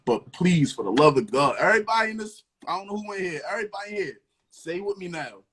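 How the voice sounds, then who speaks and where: Young male guest, lively storyteller, a little higher than most men, swings his pitch widely. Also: fast talker. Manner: animated storyteller acting out voices, laughing often. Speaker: guest rapper and producer. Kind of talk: casual storytelling chat.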